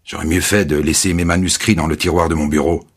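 Quick-tempered male novelist, voiced by a male reader, brusque, deep, husky, audiobook story. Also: steady tone. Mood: irritable.

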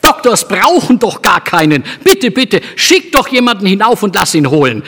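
A man doing a shrill, stubborn little girl. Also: very animated, normal speed, sharp tone, breathy edge, in a large hall, exaggerated voice. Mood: excited pleading. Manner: high, shrill pleading.

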